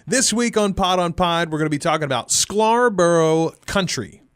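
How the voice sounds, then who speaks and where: A man co-hosting a casual podcast, playful and quick to laugh, asking lots of questions. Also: sits high, lively intonation, a bit bright, clean tone, dry recording, clean studio sound. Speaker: podcast co-host. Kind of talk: casual chat.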